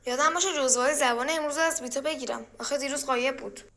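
A woman gives a chatty teenage schoolgirl in a storybook a bright, high voice. Her manner is casual and offhand. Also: a little hiss or hum.

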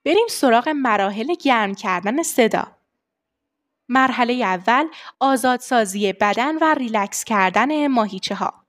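A young adult woman voice coach giving a lesson on vocal warm-ups, explaining steps and demonstrating the exercises herself. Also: on the high side, lively intonation. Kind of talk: voice training lesson.

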